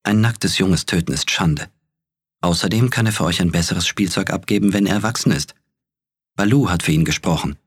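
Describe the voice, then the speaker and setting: A man's voice: low-pitched, a little fast, breathy edge, no room sound, studio quality. Man voicing Bagheera, a purring sly panther. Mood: persuasive. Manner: soft, purring, persuasive. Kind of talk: audiobook character voice.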